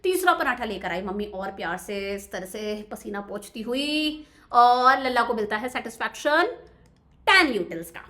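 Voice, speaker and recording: Young female teacher, high voice, animated, chatty lecture style. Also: normal speed. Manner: chatty, addresses students directly with repeated check-ins.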